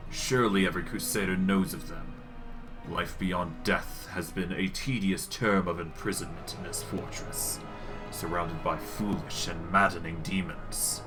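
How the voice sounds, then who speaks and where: A man's voice: low-pitched, bright, forceful tone, exaggerated voice. A man voicing a proud, scornful old undead lich from a game, with a dry voice and pompous, formal delivery. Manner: pompous, slow-burning disdain, formal diction. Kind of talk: acted reading of video game dialogue.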